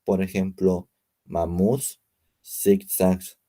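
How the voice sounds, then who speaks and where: A young man reading a spelling lesson aloud, going through word lists with pauses and small slips. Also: low-pitched, little pitch movement, warm tone. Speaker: student presenter.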